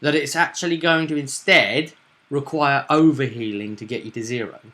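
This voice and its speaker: A man with a bright, forward, medium-pitched voice at normal speed runs a tabletop roleplaying game as game master. He explains things casually and conversationally, often seeking agreement with little tag questions.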